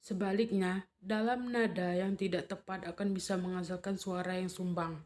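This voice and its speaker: A young woman explaining a language lesson in a steady, methodical way, partly reading from notes and sometimes slipping and restarting. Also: on the low side, moderate pace. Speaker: teacher presenting a lesson.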